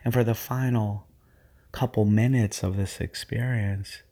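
A middle-aged man leading a guided hypnotic visualization for athletes, speaking in hushed, soothing, repetitive phrases. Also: fairly low pitch, fairly even intonation, a little slow.

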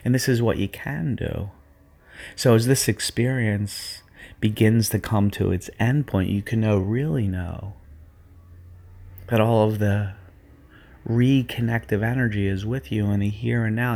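Slow, gravelly-voiced man guiding a trance. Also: fairly low pitch. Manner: slow, hushed, soothing repetitive phrasing. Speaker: guide leading a sports visualization. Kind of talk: guided hypnotic visualization.

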